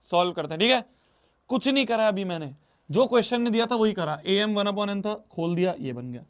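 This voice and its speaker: A man teaching a math lesson, repeating his phrases and mixing Hindi with English math terms. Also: high-pitched.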